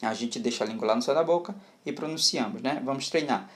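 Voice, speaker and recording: A man gives a recorded lesson, explaining slowly and patiently. He keeps checking that his students are following along. His voice sits at a middle pitch for a man. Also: fairly bright tone. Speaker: Spanish teacher.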